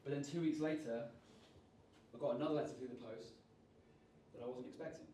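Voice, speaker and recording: A man, leading a lively public speaking workshop and raising and dropping his energy on purpose. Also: mid-range voice, fairly quick, slight background noise. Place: large room at a live workshop. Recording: roomy sound, voice from far off.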